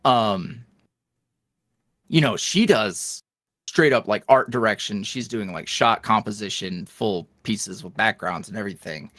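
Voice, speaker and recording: In this casual interview, the young podcast guest, who makes roleplay content, wanders through his thoughts with plenty of fillers, restarts and self-reflection. He speaks at a measured pace in a lowish, slightly bright voice, with studio quality and no room sound.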